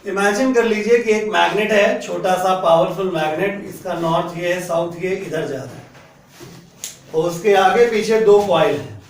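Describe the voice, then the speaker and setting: High-voiced male teacher in an echoey classroom. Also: normal speed. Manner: explains step by step, keeps checking students follow. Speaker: physics teacher. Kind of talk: classroom lecture. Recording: echoey room, voice a bit distant.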